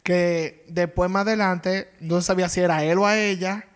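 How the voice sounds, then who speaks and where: Guy telling celebrity gossip, lively, drops english words in. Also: high voice, normal speed, clean tone. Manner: animated storytelling, mixing English into Spanish. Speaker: podcast host. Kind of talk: casual chat.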